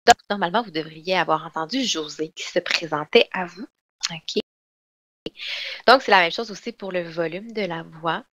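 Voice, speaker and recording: A woman giving an online software training session, explaining in a chatty way with lots of fillers and restarts. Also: lowish voice, moderate pace, dry recording. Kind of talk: online webinar demonstration.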